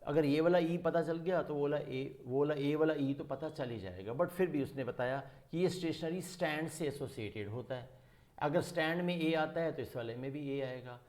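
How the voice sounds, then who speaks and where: Man teaching spelling, slightly high. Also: darkish tone. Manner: mixes Hindi and English, reads passages slowly from a book. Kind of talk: spelling lesson.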